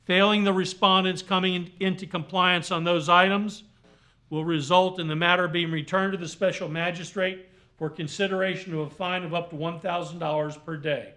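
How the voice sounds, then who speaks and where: A man speaking as a magistrate at a formal hearing, questioning and ruling in deliberate, halting, formal phrases. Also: high voice, little pitch movement, bright, forceful tone. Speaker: magistrate presiding over a hearing.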